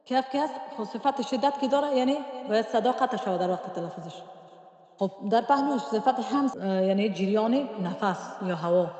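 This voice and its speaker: A woman's voice: mid-range voice, a little mellow. A woman gives a tajweed lesson, explaining each letter patiently and drawing out the sounds she models. Her voice rings through a roomy space, with a long reverb trailing after each phrase. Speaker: Quran recitation teacher.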